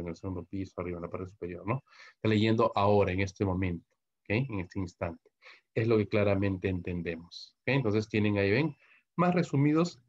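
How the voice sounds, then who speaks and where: A man's voice: on the low side, a little mellow, highs cut off. A man with a Peruvian Spanish accent teaching English grammar in Spanish. He tags nearly every phrase with "¿ok?" or "¿no?", spells letters out and translates each example. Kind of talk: online grammar lecture in Spanish.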